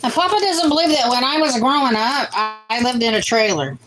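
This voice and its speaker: Hosting a relaxed family cooking livestream, this woman in her late forties chats and reads out viewers' comments, then responds. Her voice is on the high side, animated, a bit bright, and a little fast, captured in a low-quality recording.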